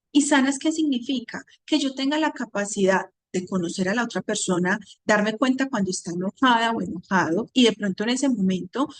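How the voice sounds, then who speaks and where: A woman's voice: a little high, no echo. A woman psychologist teaching a session on emotional intelligence, who explains by asking questions and coming back to simple everyday examples.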